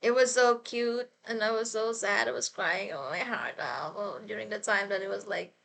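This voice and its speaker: A woman vlogger telling personal stories as a fan in an expressive, casual, rambling way. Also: medium pitch, normal speed, creaky. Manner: expressive, informal storytelling.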